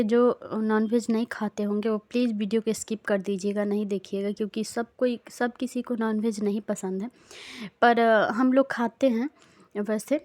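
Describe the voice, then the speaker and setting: Young woman from India, home vlogger, unhurried and pausing, slightly higher voice. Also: darkish tone. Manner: slow, deliberate, pausing often. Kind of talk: casual home vlog narration. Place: home, indoors.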